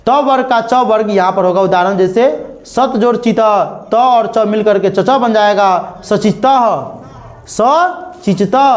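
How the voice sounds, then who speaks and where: A young man with a Bihar Hindi accent teaching a grammar lesson to a class. He slowly spells out examples, repeats words, and keeps checking with "clear?". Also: sits high, darkish tone.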